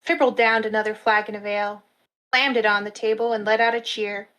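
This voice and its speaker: A woman narrating a fantasy story in a steady storytelling manner at a live reading. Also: mid-range voice, fairly quick, rough recording.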